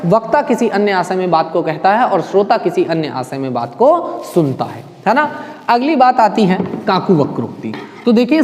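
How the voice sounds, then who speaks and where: A man's voice: high voice, darkish tone. A male teacher giving an exam-prep grammar lesson. He keeps asking the class rhetorical questions and checking with "right?". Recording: long echoing reverb.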